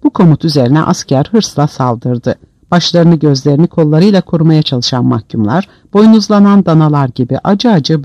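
A man's voice: on the high side, warm tone, no echo. A man narrating an audiobook in a dramatic storytelling manner, on a dull, dry lo-fi recording.

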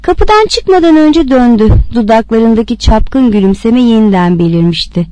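A woman reading a story aloud with expressive narration. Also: a little high, moderate pace, no echo. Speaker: reader.

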